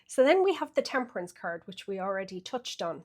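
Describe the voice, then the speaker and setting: An Irish tarot reader, still getting over a cold and a bit sniffly, chats casually through her weekly reading. Her medium-pitched voice is sing-song, brisk and a little mellow, and she thinks aloud with plenty of fillers.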